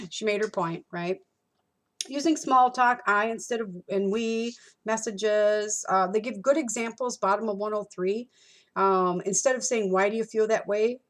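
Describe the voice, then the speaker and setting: A woman's voice: medium pitch, unhurried. A middle-aged woman teaching a college course, talking casually through a textbook chapter and acting out customer exchanges. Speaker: college instructor. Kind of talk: recorded lecture walking through a textbook.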